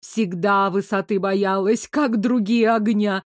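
A woman reading an audiobook, voicing a stern, exasperated middle-aged mother who scolds briskly. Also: medium pitch, steady tone, no echo, clean studio sound, natural voice. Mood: stern, scolding. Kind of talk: audiobook character voice.

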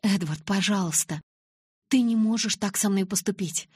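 A woman's voice: lowish voice, brisk, breathy edge, no room sound, clean studio sound. Woman reading as a desperate teenage girl. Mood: pleading. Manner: pleading, rising to shouts.

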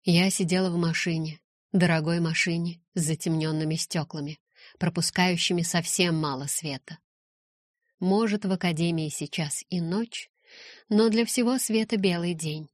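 A woman reading a first-person audiobook in a measured way, breaking into urgent shouts in her own dialogue. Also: on the low side, no echo, studio quality. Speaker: audiobook narrator.

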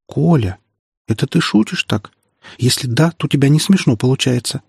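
A man's voice: mid-range voice, expressive, normal speed, gravelly, darkish tone, husky, dry recording, clean studio sound, pitched above the performer's own voice, heavily acted. A man reading an audiobook, voicing a feisty red-haired teenage girl who taunts and mocks. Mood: puzzled. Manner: taunting, scornful.

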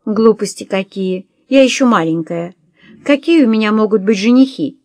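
A woman's voice: mid-range voice, moderate pace, a little mellow, no room sound, lightly acted. A serious young girl with no sense of humor, grumbling and protesting, as a woman reads her. Read in a dry, close storybook voice.

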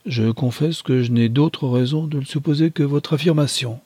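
A man's voice: mid-range voice, normal speed, mellow, breathy edge, no room sound, pitched above the performer's own voice. A man playing a haughty, stiff army captain. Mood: cold, superior. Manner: cold and condescending.

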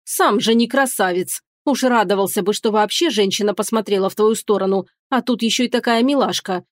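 A woman voicing a proud, scornful harpy queen in an audiobook, drawn-out and hissing. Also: mid-range voice, no echo, clean studio sound, close to an everyday voice. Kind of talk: audiobook character reading.

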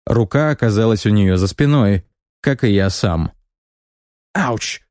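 A man reading a first-person fantasy audiobook in a calm, measured, wry manner. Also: on the low side, dry recording, studio quality. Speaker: audiobook narrator.

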